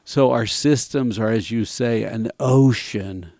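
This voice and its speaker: A man's voice: mid-range voice, slow, a little mellow, no echo, studio quality. A man co-hosting a faith-based talk, steering the conversation and affirming his partner. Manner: affirming, encouraging. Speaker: podcast co-host.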